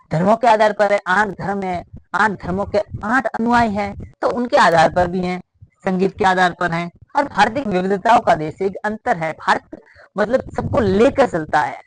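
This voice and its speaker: Male teacher, high voice, casual repetitive blackboard lecture, faint room noise. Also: low-quality recording. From Rajasthan. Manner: repetitive, explains with many fillers.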